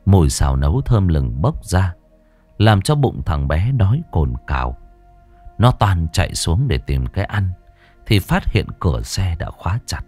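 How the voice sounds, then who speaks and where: A man narrating an audiobook story in an expressive, storytelling way. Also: deep voice, measured pace, soft background music. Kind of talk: scripted narration.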